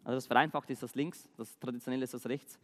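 At a quick pace and medium pitch, a man explains language and communication with fairly even intonation. His tone is conversational, he speaks directly to the viewer and asks questions, and the sound suggests a large hall.

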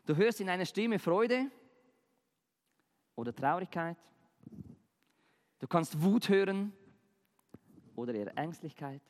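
Here the man's high voice is expressive and slow, with long pauses and a long reverb tail. He addresses the viewer directly in a conversational explainer on language and communication, asking questions as he goes.

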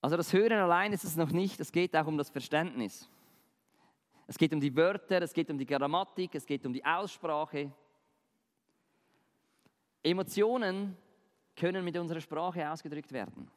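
A man's voice: on the high side, normal speed, long pauses, in a large hall. A man explaining language and communication in a conversational way, talking straight to the viewer and asking questions. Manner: conversational, addresses viewer directly, asks questions. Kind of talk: explanatory video talk addressing the viewer.

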